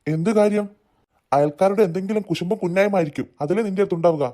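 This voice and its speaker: A man's voice: high-pitched, mellow, natural voice. A man voicing a teasing, stingy father and husband in a cartoon. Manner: teasing, brisk.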